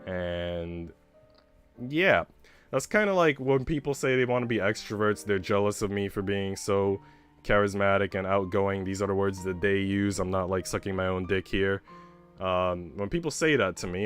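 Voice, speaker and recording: With music playing behind him, a male livestream host talks to his audience in a loose, frank, chatty way, dropping the occasional curse. He speaks at a moderate pace in a voice that sits low.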